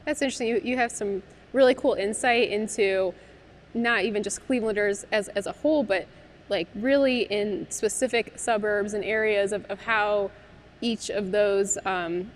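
A woman in her thirties, speaking with a medium-pitched voice at a moderate pace, conducts a business interview with a brewery guest in a barrel room, asking chatty questions sprinkled with fillers.

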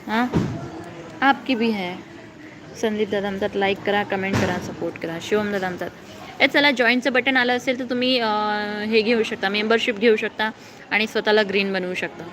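A woman's voice: mid-range voice, fairly even intonation, normal speed. A young woman, live-streaming from outdoors at night and chatting casually as she reads viewer comments aloud and answers them. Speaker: livestreamer reading viewer comments. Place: outdoors below a housing block at night. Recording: outdoor phone recording with clear background noise.

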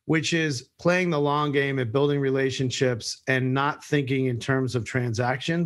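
Middle-aged man as business guest, mid-pitched, measured, plenty of fillers and restarts. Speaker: guest, agency chief executive. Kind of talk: interview answers.

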